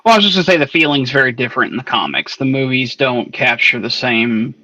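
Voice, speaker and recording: A man's voice: mid-range voice, quick pace, bright, forceful tone, no echo. A man in a casual online book club chat who explains things at length with musing asides. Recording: dull, lo-fi, dry.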